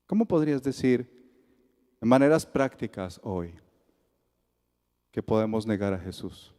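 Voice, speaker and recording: An unhurried, fairly low male voice echoes through a large church hall as a Colombian pastor preaches. He narrates vividly, dramatizing the dialogue within his story.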